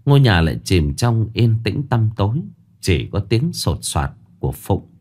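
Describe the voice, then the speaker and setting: A man narrating a ghost story in an expressive storytelling manner. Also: lowish voice, unhurried.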